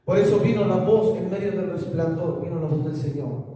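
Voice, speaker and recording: A man preaching an emphatic sermon in a church, rising to loud exhortations. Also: high voice, moderate pace. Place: church sanctuary. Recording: echoey hall, speaker far from mic.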